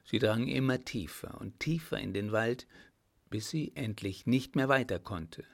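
A man narrating a novel as an audiobook in a measured, steady storytelling manner. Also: mid-range voice, creaky.

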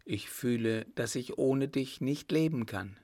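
A man's voice: medium pitch, measured pace, warm tone, no echo. A man playing a flustered young baron. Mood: earnest. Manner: earnest, indignant. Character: earnest young baron, vain and easily flustered.

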